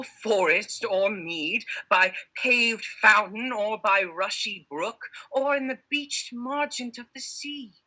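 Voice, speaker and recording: A woman's voice: a little high, sharp tone, full character voice, rough recording. A woman playing a proud, wrathful fairy queen in hammy, theatrical Shakespearean verse on stage.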